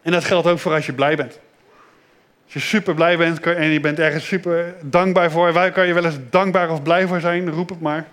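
A man giving a children's sermon in a simple, gentle way, asking the children questions and repeating their answers. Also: fairly high pitch, little pitch movement, normal speed. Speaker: children's pastor.

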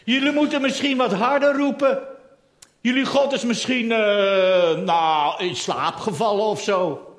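A man's voice: sits high, takes it slowly. A man voicing a bold, confident prophet who teases his rivals in a casual, sarcastic way. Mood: mocking. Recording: roomy echo.

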